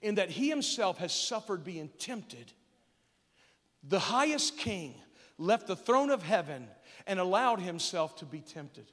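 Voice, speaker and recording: Man, pastor, high voice, sermon to kids, call-and-response questions, loud emphatic peaks, long hall echo. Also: big pitch swings, unhurried.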